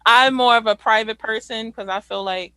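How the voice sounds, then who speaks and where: Playful new girl in her 20s running the show, bright tone, dry sound. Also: on the high side, normal speed, clean tone, no room sound. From New York. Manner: playful, animated, slangy. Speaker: host. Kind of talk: casual group chat.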